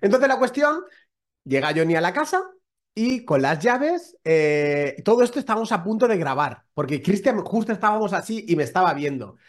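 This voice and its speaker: A podcast co-host tells a long story on a casual show, acting out the dialogue as he goes. His sing-song voice climbs and falls a great deal, at a normal speed.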